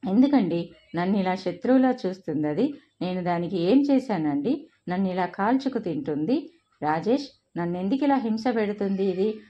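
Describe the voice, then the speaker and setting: A woman's voice: medium pitch, animated, moderate pace, muffled recording, lightly acted. A woman voicing a furious, bitter middle-aged mother who scolds shrilly in a read-aloud family story. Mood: distraught.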